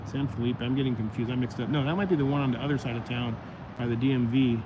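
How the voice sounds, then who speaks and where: Over a noisy background, a livestream host with a medium-pitched voice talks quickly. He rambles casually, chatting straight to his viewers as his voice goes out.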